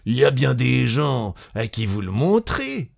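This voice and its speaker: A man voicing a stern gentleman who presses a peasant woman with insistent questions. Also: mid-range voice, sing-song, unhurried, gravelly, no room sound, studio quality, voice pushed up, full character voice.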